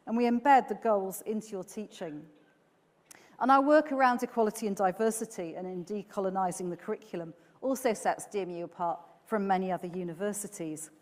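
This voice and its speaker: A woman delivers an upbeat, earnest welcome speech at a middling pitch. She talks with an occasional filler. Her voice rings out with a long echo in a large hall. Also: a little mellow. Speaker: university speaker giving welcome talk.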